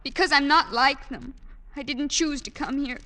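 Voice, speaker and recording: A frightened young woman held captive. Her voice sits high and she speaks softly and pleadingly. The recording has the sound of vintage radio. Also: fairly even intonation, moderate pace. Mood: fearful. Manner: soft, fearful and pleading. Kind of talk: old-time radio drama acting.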